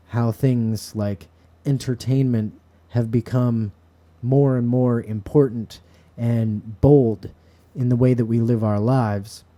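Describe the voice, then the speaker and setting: A man with a very dark, mellow voice delivers a reflective monologue to camera. He sounds earnest and philosophical, musing at a mid-range pitch. It is recorded in a bedroom. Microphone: camera set up in front of him.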